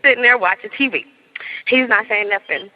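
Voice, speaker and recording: This interviewee, a woman in her thirties, has a slightly high voice and speaks a little fast, with the high frequencies cut off. Chatting casually, she tells a story in an animated way. She laughs frequently and performs what people said.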